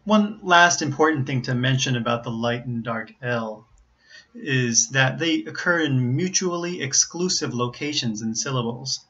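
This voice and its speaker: An American man giving an instructional pronunciation lesson, explaining carefully and enunciating examples deliberately. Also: medium pitch, animated, sharp tone. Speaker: English pronunciation teacher. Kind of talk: instructional explanation with word demonstrations. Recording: slightly dull, lo-fi audio.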